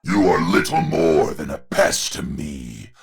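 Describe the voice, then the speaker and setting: An actor playing a ruthless, megalomaniac general in a video game, with a gravelly, forceful voice and a pompous, contemptuous, theatrical delivery. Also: male voice, rumbling low, animated, takes it slowly, full character voice. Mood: battle fury. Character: ruthless megalomaniac male general, villain scornful of humanity. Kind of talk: dramatic video game villain acting.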